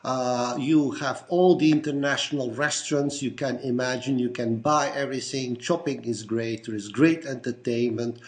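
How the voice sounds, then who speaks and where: Older Belgian man in his sixties, steady mid-pitched voice, calm measured delivery with "uh" fillers, friendly club self-introduction. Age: 60s. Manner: measured, lists things one by one with frequent "uh" fillers. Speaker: Rotarian introducing himself. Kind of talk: recorded self-introduction to fellow club members.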